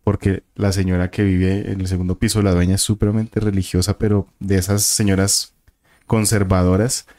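A man's voice: deep voice, level tone, moderate pace, warm tone. A man, a guest telling a vivid story and acting out the voices and sounds in it. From Colombia. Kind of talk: casual storytelling of a paranormal experience.

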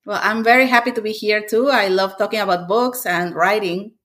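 A Peruvian woman in her forties, whose first language is Spanish and whose accent is Peruvian Spanish, chats as a guest author in a casual interview. Her mid-range voice is a little fast and fairly bright, and she often restarts phrases while hunting for words.

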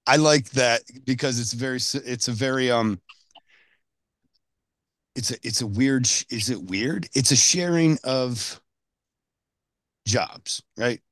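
A man hosting a casual interview, rambling with halting restarts. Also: medium pitch, a bit bright, no echo. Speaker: podcast host.

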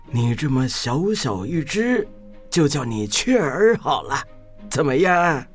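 An actor playing a kindly, absent-minded old woodcutter in a children's story, with a chuckling, folksy manner. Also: male voice, fairly high pitch, big pitch swings, slow, faint music behind, full character voice. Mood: jolly.

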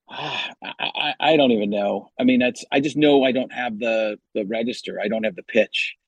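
Husky-voiced comedian chatting loosely. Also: male voice, mid-range voice, normal speed, no echo, highs cut off. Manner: loose, self-deprecating, restarts a lot. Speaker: comedian and impressionist guest. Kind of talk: casual interview chat.

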